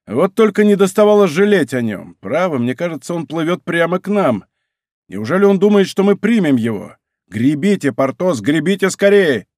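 A brash musketeer barking scornful orders, his voice pushed higher and louder than the telling around it, as a male narrator puts him on. He speaks briskly and with authority. The recording is dry. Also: expressive, no room sound, close to an everyday voice. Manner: brisk, commanding.

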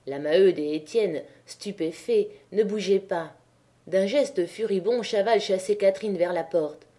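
Warm-voiced woman reading a novel aloud. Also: mid-range voice, unhurried. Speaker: audiobook narrator.

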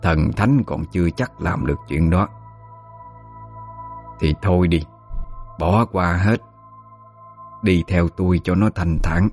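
A calm, commanding old woman exorcist, as a male narrator plays her, speaking slowly and soothingly in a low voice with a Southern Vietnamese accent. She sounds settled and sure of herself. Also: faint music behind. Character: elderly female village exorcist, calm and authoritative.

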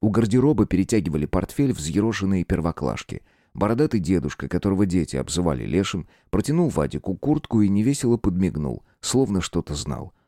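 Deep-voiced man reading a horror story. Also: no room sound, clean studio sound. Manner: measured, expressive reading. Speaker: audiobook narrator. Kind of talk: scripted horror story narration.

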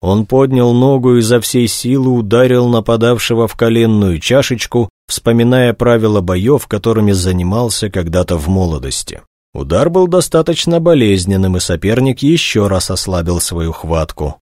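A man narrating an audiobook in a steady, measured reading. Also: on the low side, no echo, studio quality.

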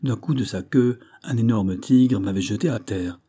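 Male audiobook narrator, low-pitched and mellow, steady measured reading. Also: husky. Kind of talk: scripted narration of a classic novel.

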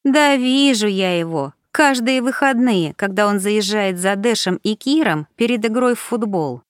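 A woman's voice: mid-range voice, expressive, moderate pace, no room sound, studio quality, close to an everyday voice. A woman voicing a teasing, outspoken young woman friend in a storybook reading, in a plain, frank manner.

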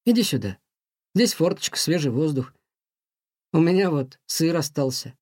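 Storybook role: man playing a sighing, gentle old museum director, darker tone. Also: on the high side, lively intonation, moderate pace, no room sound, studio quality. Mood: kindly surprised. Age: older. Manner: sighing, soft-spoken, talks kindly to a mouse. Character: weary aging male museum director, gentle and sad.

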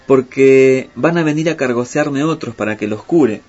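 A man's voice: medium pitch, normal speed, darkish tone, husky, natural voice. A man voicing a vain, bossy female spider healer who scolds and gives orders. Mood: stern. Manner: scolding, commanding. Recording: muffled with faint music.

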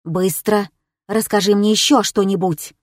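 A woman's voice: mid-range voice, steady tone, unhurried, dry recording, studio quality, lightly acted. Male helper spirit, boastful and cheeky, urgent under pressure; read by a woman narrator, audiobook. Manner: urgent, pleading. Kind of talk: audiobook character voice.

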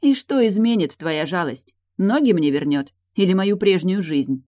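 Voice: medium pitch, animated, normal speed, darkish tone, no room sound, studio quality, pitched above the performer's own voice, natural voice. A reader voicing a bitter, mocking young woman who was badly injured, sarcastic and cutting in an audiobook dialogue.

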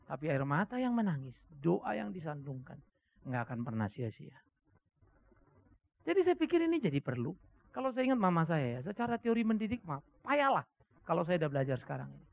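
A middle-aged male pastor delivers a sermon in an animated, emphatic storytelling style. His voice is high, heavily gravelly and husky, and it swings widely in pitch. The recording is tinny and lo-fi, like a phone line.

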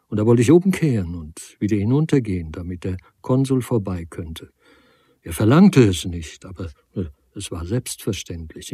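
A man's voice: mid-range voice, warm tone, breathy edge, no echo, close to an everyday voice. A man reading a frail, humble man in his forties who stammers and apologizes. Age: 40s. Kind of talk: audiobook character reading.

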